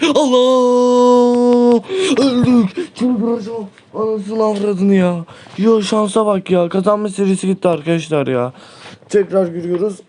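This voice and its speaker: A young man with a slightly high voice narrating his gameplay in an excitable rush. He swears often and breaks into loud shouts, recorded on a desk mic in an indoor room. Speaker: gaming YouTuber.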